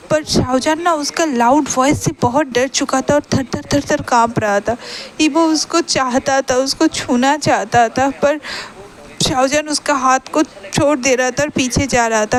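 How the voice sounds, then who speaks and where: A woman retelling a romance story in a chatty, emotive way. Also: high-pitched.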